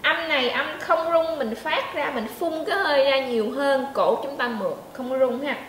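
A woman teaches pronunciation, breaking sounds down slowly and asking her learners if they follow. Her voice rings in an echoey room with a faint hum behind it. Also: high voice, fairly bright tone. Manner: demonstrates sounds slowly, asks learners to check in. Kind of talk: pronunciation lesson.

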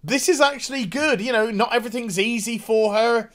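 A man's voice: very high-pitched, brisk. A man giving a casual, swear-filled review of a TV episode and acting out the scenes as he goes. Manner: animated, swears freely, acts out scenes in put-on voices. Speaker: TV show reviewer.

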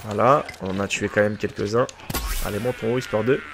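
A man giving let's play commentary on a shooter game, excitable and joking as he mocks opponents and chats with his viewers. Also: fairly low pitch, fairly quick, noisy background. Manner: excitable, joking, teasing the enemy players; chatty with viewers. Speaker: gaming video creator.

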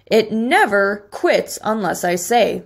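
A woman's voice: mid-range voice, takes it slowly, gravelly, full character voice. A woman reading aloud, voicing a clever, cheerful boy who shows visitors around his house. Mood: excited. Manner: excited, proclaiming.

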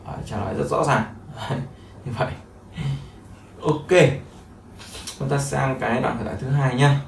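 A man's voice: medium pitch, measured pace, creaky. A man, teaching a language lesson and explaining each phrase over and over with many fillers. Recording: echoey room, mic at a distance, faint noise.

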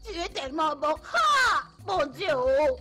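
An actress dubbing a jubilant mother who keeps loudly praising God over her daughter's engagement. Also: sits high, lively intonation, unhurried, faint music behind. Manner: loud exclamations, praising God. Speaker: mother of the bride-to-be. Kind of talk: dubbed film acting.

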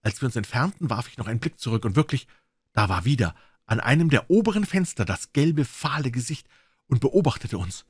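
A man narrates a classic detective story in the first person, giving it dramatic weight. His voice is mid-pitched and somewhat husky. The recording is dry and close, with no room sound. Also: big pitch swings, fairly quick, no room sound. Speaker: audiobook reader.

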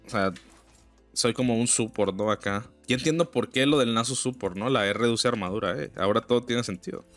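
A man's voice: a little fast, faint music behind. Young Mexican man commentating a game. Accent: Mexican Spanish. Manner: slangy, exclaims in sudden high bursts, complains about teammates. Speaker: gaming streamer. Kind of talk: casual gameplay commentary.

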